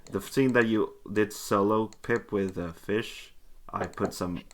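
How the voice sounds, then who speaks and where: A man chatting casually between role-play scenes, low-key and rambling, as game master. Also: fairly even intonation, a little slow.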